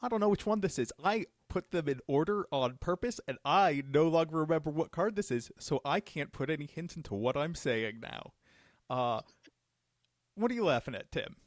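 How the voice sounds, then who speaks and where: A man's voice: on the high side, animated, normal speed, dry recording, studio quality. A man hosting a live stream Q&A, casually revealing cards with enthusiasm. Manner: enthusiastic, upbeat card reveals. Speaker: judge program host.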